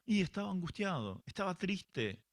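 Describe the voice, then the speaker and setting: A man's voice: sits high, sing-song, moderate pace. A man preaching a sermon as pastor, asking rhetorical questions and often restarting his phrases.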